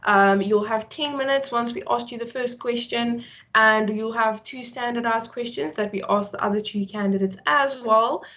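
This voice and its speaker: A woman's voice: fairly high pitch, moderate pace, fairly bright tone, lo-fi sound. A woman moderating a candidate session over a video call, who is polite and friendly and explains the procedure with a few fillers.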